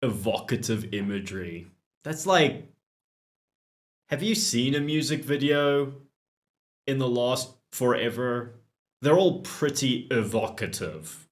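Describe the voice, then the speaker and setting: Man, let's play host, gameplay commentary, giggly, self-mocking, slow talker. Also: medium pitch, animated. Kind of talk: gameplay commentary reading dialog aloud.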